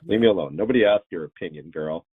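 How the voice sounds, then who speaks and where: A man joining a sports podcast as a guest reporter, telling stories in an animated way and laughing often, heard over a tinny remote line. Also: low voice, quick pace, breathy edge. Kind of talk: casual sports podcast chat.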